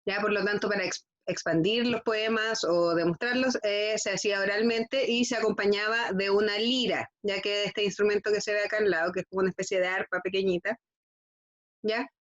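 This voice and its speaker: A woman's voice: mid-range voice, fairly even intonation, fairly quick, dull audio. A woman teaching a school lesson, constantly checking in with her students. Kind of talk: classroom lesson.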